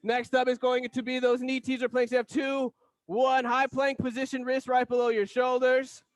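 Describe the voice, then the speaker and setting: Male aerobics instructor, very high register, driving and motivational cueing, dry sound. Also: normal speed, dry recording. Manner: energetic, motivational aerobics instructor calling out cues and countdowns. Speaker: aerobics instructor leading a workout class. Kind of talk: fitness class coaching, counted cues.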